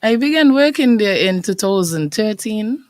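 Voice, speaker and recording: A woman's voice: mid-range voice, lively intonation, moderate pace, darkish tone, dry recording. Upbeat young woman, dry close sound. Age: young adult. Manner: articulate, laughs often, upbeat. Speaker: guest, business owner. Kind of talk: radio interview. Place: radio studio.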